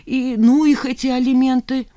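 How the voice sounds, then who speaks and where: A woman's voice: high-pitched, little pitch movement, moderate pace, warm tone, voice pushed up, natural voice. A woman reader voicing a tearful, fretting older mother who pleads and sobs. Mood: pleading. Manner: pleading, sobbing, fussy.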